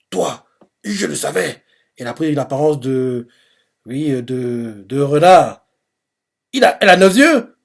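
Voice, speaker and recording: A man's voice: mid-range voice, dark tone. A man reacting live to a manga chapter, describing the panels in rambling speech full of fillers. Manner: rambling, heavy use of fillers.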